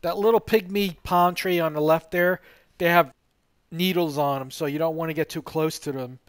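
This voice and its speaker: A man's voice: fairly high pitch, fairly even intonation, normal speed, clear, resonant tone, no echo. A man giving a casual, rambling tool review outdoors in a yard, talking plainly about how it works.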